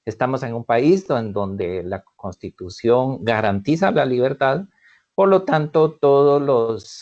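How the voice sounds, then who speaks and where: A man explains matters formally and deliberately, his voice sitting at an ordinary mid pitch. He comes through a choppy, breaking-up video call connection. The audio sounds muffled and lo-fi. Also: a little mellow. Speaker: webinar presenter on tax. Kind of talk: formal online lecture.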